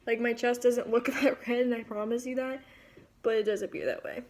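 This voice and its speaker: A woman's voice: fairly high pitch, fairly even intonation, a little fast, darkish tone. A woman giving a casual, chatty makeup tutorial, informal and rambling, often interrupting herself with asides. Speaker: beauty vlogger.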